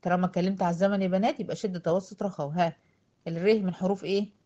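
A woman's voice: on the low side, steady tone, very fast, warm tone, dull audio. Egyptian woman teaching Quran recitation. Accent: Egyptian Arabic. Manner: patient, quizzing students, drawing out words to demonstrate. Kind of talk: online tajweed lesson.

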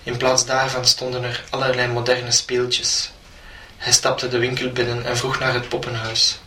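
A man reading a short story aloud in an even storytelling manner. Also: mid-range voice, normal speed. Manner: flat, even storytelling delivery. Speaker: narrator. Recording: roomy, distant mic, faint noise.

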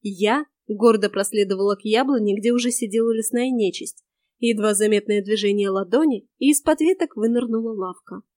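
A woman reading a first-person fantasy audiobook in a lively, wry, expressive way. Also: mid-range voice, fairly quick, no room sound, studio quality. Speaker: audiobook narrator.

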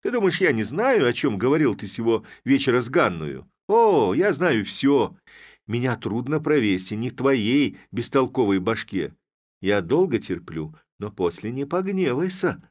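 A man voicing an angry, sharp-tongued village woman who scolds and accuses in a raised voice. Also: medium pitch, sing-song, normal speed, voice pushed up. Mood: furious scolding.

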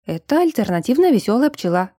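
A stubborn young vampire girl teases in a lifted, bright-edged pitch that still keeps a mellow, darkish warmth, as a woman reads her lines. The sound is dry and close, like a storybook recording with no room around it. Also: sing-song, fast, husky, dry recording. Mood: teasing. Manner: teasing and stubborn. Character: young female vampire, playful art student.

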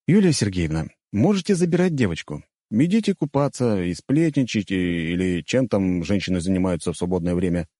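A man's voice: sits low, very animated, a little fast, few pauses, dark tone, no room sound, studio quality. A man voicing a confident, teasing young male mage in an audiobook, smug and wry.

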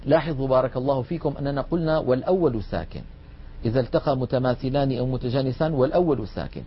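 Man, recitation teacher, patient lesson, slow recited examples, muffled lo-fi recording. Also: medium pitch, a little hiss or hum. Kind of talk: classroom lesson on recitation rules. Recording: dull lo-fi recording.

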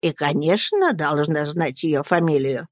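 Meek, soft-spoken old maid, low and slow, as a woman reader plays her in a storybook reading. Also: animated, no echo, clean studio sound. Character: humble, pious old housemaid, woman.

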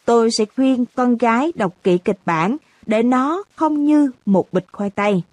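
A woman reading a wry, deadpan father. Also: fairly high pitch, a little slow, dry recording. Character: teenage girl's father, dry witty man.

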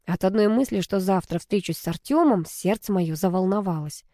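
A woman giving a lively, expressive first-person audiobook narration. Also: mid-range voice, moderate pace, no room sound, clean studio sound.

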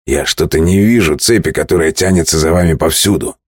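A man reading aloud, voicing a bold, boastful ship captain who talks loud and swaggering. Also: extremely low pitch, a little fast, dry recording, clean studio sound. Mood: scoffing.

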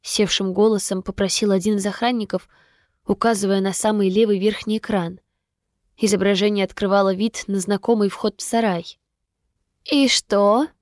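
Woman reading a novel out loud, steady even voice, mid pitch, dry close mic. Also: fairly quick, no echo. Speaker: audiobook narrator. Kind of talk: scripted first-person narration.

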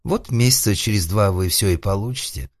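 A man's voice: fairly low pitch, brisk, dry recording, studio quality, voice pushed up, close to an everyday voice. A man voicing a proud, prim young woman who sighs, pleads and stands her ground, in a comic audiobook. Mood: prim, stubborn. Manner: breathy, pleading, coquettish sighs. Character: proud young marriageable beauty, prim and coy.

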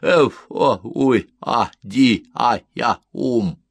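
A man's voice: mid-range voice, drawn-out words, vocal fry, breathy edge, no echo, voice pushed up, exaggerated voice. A man doing a grumpy half-asleep sleeper. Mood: grumpy drowsy. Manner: mumbling nonsense shouts. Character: sleepy grumbling man woken at night.

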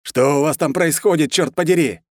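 A man reading a story aloud and voicing a panicked army colonel who yells orders over a radio. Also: a little high, a little fast, dry recording, clean studio sound, voice pushed up, close to an everyday voice. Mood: furious. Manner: yelling, furious and near hysteria.

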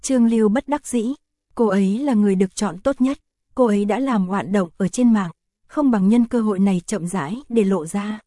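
A woman narrating an audiobook chapter in an even, unhurried reading voice, voicing the characters' lines in her own voice. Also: mid-range voice, no room sound, studio quality.

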